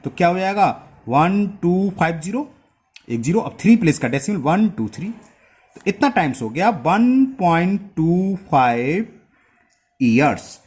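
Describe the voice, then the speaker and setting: A man teaching a maths lesson step by step, often pausing to check that students follow. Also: sits high, sing-song, a little mellow, slightly rough. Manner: explains step by step, checks understanding with rhetorical questions.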